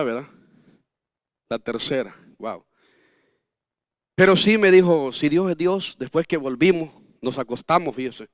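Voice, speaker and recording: A man's voice: medium pitch, no echo, clean studio sound. A man in his fifties preaching a sermon as pastor, telling folksy personal stories with jokes and rhetorical questions. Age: 50s.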